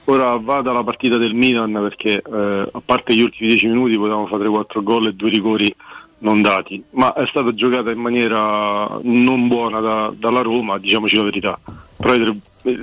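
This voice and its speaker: A man's voice: lowish voice, fairly even intonation, fairly quick, a bit bright, dry recording. Man, radio show caller on the phone line, earnest and talkative, slightly aggrieved, dry sound. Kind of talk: casual call-in chat about football.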